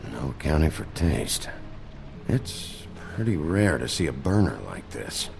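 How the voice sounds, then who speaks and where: An actor playing a gruff, suspicious wolf detective in a video game, terse and dry with a gravelly voice. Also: male voice, rumbling low, very animated, measured pace, background noise, full character voice. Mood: dry, probing. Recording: music behind the voice.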